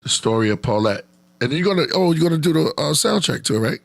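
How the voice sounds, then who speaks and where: A man with a gravelly voice hosts a live podcast stream. He talks in a loose, laid-back way, thanking viewers and giving shout-outs. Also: a little high, expressive, fast talker, no room sound. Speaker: podcast host. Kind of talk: casual live-stream chat.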